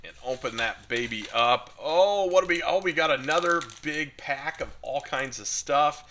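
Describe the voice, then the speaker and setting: A man's voice: a little high, moderate pace, sharp tone, slight background noise. A middle-aged man from the United States chatting casually and enthusiastically as he opens collector mail, with many fillers. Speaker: card collecting channel host. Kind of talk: casual unboxing chat.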